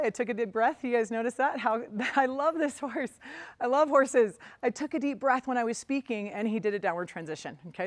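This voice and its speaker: A fairly high-voiced woman gives a riding lesson as she lunges a horse in a ring. She speaks calmly and encouragingly, breaking off often to praise the horse. Her voice is close and dry. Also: no room sound. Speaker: riding instructor. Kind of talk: demonstration lesson while lunging a horse.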